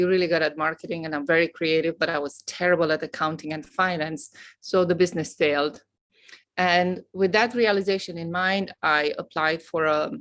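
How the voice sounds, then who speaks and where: A woman's voice: fairly low pitch, a bit bright. A middle-aged woman from Romania, a professor, telling her story as a guest in an outgoing, boisterous way. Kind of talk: casual interview chat.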